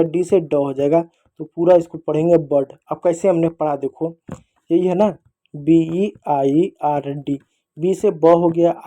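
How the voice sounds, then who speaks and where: Hindi-accented guy teaching kids english reading, mellow kinda high voice, repeats everything patiently. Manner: patient, repeats and asks questions back. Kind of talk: phonics lesson.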